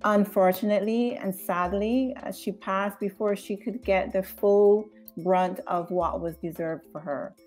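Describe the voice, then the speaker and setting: A woman from Barbados, a screenwriter, speaking thoughtfully in an interview with frequent pauses. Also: mid-range voice, fairly even intonation, darkish tone, soft background music. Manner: thoughtful, measured, with many "uh" pauses. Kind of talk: interview conversation.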